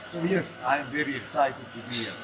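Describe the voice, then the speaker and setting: A man's voice: medium pitch, brisk, music in the background, low-quality recording. A man speaking fervently about a celebration, building up lists of repeated phrases. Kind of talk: interview statement. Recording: outdoors with a loud crowd behind.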